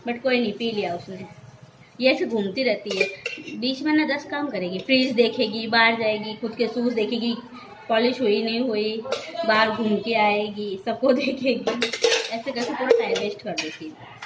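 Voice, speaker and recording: A woman's voice: on the high side, heavy background noise. A young woman, a mother narrating her family's morning routine in a casual, bustling vlog. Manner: bustling and hurried, talks to viewers while cooking. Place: home kitchen. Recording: echoey room with clattering dishes.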